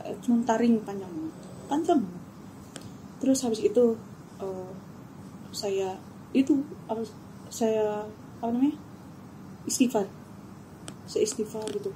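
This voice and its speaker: A young woman casually telling a personal story, acting out the shouts and screams she remembers. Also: a little high, slight background noise, rough recording. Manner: animated, acts out her own shouts and screams; casual slangy speech. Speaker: guest telling her experience.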